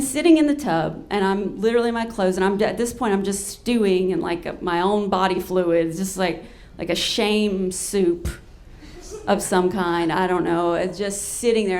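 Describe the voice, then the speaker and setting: A woman comedian telling a comic story on stage in a brash, profane, animated way. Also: lowish voice.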